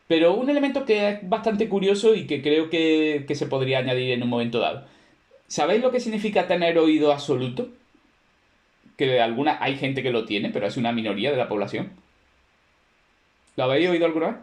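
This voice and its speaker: A male teacher lecturing his class in a chatty, explanatory way, his voice rising and falling with lively intonation. He often checks in with the students through quick rhetorical questions. The sound is roomy, like a classroom recorded from a little distance. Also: a little high. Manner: explanatory, conversational, with many fillers and rhetorical questions.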